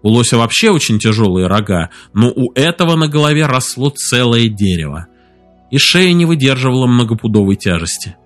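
A man narrating an audiobook in a measured, steady reading voice. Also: mid-range voice, faint music behind. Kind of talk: scripted narration.

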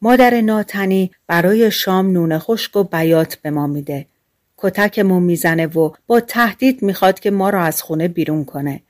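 A woman's voice: fairly low pitch, a little mellow, natural voice. A woman reading aloud and voicing a young girl, a loving and worried older sister who pleads and warns urgently. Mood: sorrowful. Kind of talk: storybook reading.

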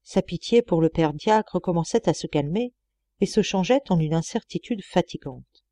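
A woman narrating a literary audiobook in a measured, expressive way. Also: lowish voice, no echo. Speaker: audiobook reader.

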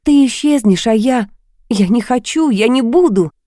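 A woman's voice: fairly high pitch, a little slow, mellow, no echo, clean studio sound, pitched above the performer's own voice, close to an everyday voice. A woman voicing a desperate young woman on the edge of hysteria, pleading and tearful. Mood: hysterical.

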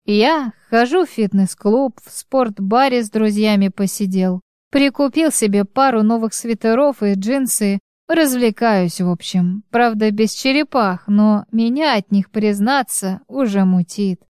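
In an audiobook, a self-assured husband speaks slowly and mocks his wife with dry humor, as a woman reads him. The voice stays smooth and close, with no room echo. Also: medium pitch, darkish tone, lightly acted. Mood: mocking. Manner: dry, teasing, unhurried. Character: calm, mocking husband on the phone. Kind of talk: audiobook reading.

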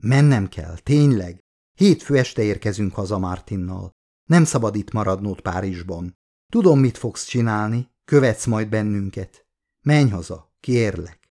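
A man's voice: on the low side, animated, mellow. A cool, composed young woman, as a man reads her lines. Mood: calm. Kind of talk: audiobook reading.

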